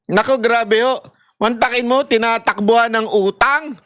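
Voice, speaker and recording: A man's voice: very high-pitched, fairly even intonation, normal speed, a bit bright, dry recording. A man from the Philippines giving heated commentary to his viewers, laughing often and swearing between apologies. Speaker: online commentator.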